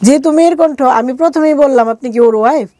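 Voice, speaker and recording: This middle-aged woman, who has a Bangladeshi accent, talks fast in a high voice with a dark tone while telling a personal story as an interview guest. She speaks colloquially and acts out quoted dialogue, and the recording is dry and studio quality.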